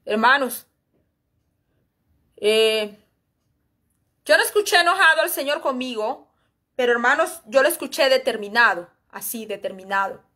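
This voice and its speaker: A woman with a high, bright voice gives an earnest religious testimony. She circles back over the same phrases again and again. She keeps turning to her listeners as brethren while she preaches. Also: animated, unhurried, long pauses. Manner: repetitive, earnest, often addressing listeners as brethren. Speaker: lay preacher sharing a revelation.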